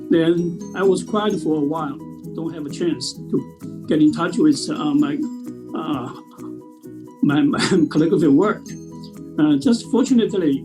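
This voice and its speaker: Man, sixties, from Taiwan, halting speech, guitar music playing behind. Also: fairly high pitch, poor audio. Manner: halting, with frequent fillers. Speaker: presenter at a talent show. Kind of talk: casual talk.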